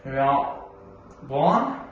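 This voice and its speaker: A man's voice: mid-range voice, big pitch swings, slow, a bit bright, muffled recording. A man giving casual on-location commentary in short, observational remarks as a video host. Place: inside lifts and shops. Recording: echoey, distant camera mic, music behind.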